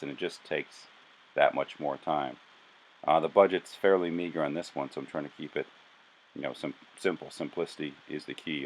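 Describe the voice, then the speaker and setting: A man with an extremely low, deep voice talks through a design sketch in a relaxed voice-over. His delivery is flat and monotone, casual and a little self-deprecating. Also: rough recording. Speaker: tree house builder narrating a sketch.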